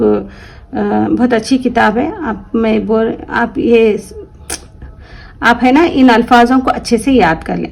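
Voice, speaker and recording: A woman teaching an online language lesson, reading a word list aloud slowly and stressing each word for her pupils to repeat. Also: fairly high pitch, vocal fry, a little mellow, poor audio. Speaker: Urdu teacher. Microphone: computer or phone mic in an online class.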